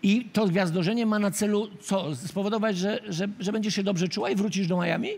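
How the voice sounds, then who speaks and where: A man's voice: sits high, brisk, vocal fry, a little mellow. A middle-aged man hosting a late-night talk show, teasing and mocking his guest and laughing at his own jokes. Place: TV studio with live audience.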